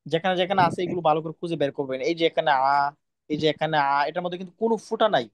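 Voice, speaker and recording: A man's voice: fairly high pitch, very fast, no room sound. A man teaching Quran reading, drilling letter sounds over and over and sternly scolding pupils. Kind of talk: online class lesson, drilling letter sounds.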